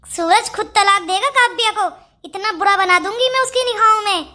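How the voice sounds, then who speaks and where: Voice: very high voice, a little fast, bright, forceful tone, heavily acted. A performer voicing a sly, bossy older mother-in-law in a Hindi cartoon story, scolding and plotting. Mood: scheming.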